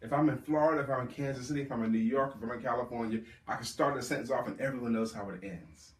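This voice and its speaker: A man's voice: mid-range voice, rapid-fire, roomy sound, distant mic, a little hiss or hum. A man giving a motivational sales seminar talk as a trainer, speaking emphatically and repeating key words for stress.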